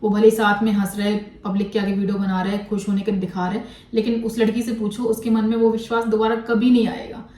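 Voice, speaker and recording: A woman's voice: mid-range voice, flat delivery, a little fast, warm tone, far from the mic. A woman giving blunt, scolding commentary in a vlog, mixing English words into her talk. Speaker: commentary vlogger. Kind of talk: critical commentary on a controversy. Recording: echoey room, voice from off-mic.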